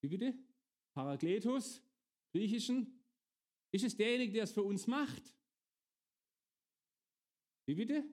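Man, preacher, sermon, fairly high voice, questions the congregation. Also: very animated, slow, pauses often, a little mellow. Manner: asks the congregation questions directly.

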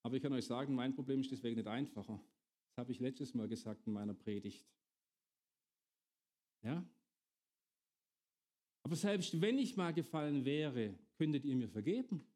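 A man's voice: medium pitch, expressive, moderate pace, long pauses, dark tone. A middle-aged man preaching a sermon, often turning to his congregation with direct questions.

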